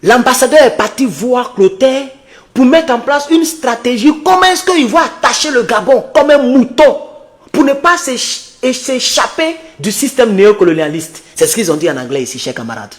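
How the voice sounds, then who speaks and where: A man who reads an English article slowly, translates it into for his viewers and comments with impassioned rhetorical questions. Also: extremely high pitch, animated. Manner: repeats refrains to address his viewers. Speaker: political commentator.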